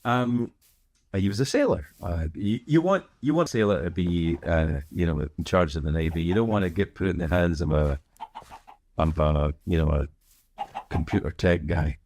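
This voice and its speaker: A man's voice: low voice, normal speed, darkish tone. Rambling man with a light Scottish accent. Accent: light Scottish, softened by years in America. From Scotland. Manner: rambling and digressive, with many fillers and restarts. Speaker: streamer answering viewer questions. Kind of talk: casual chat.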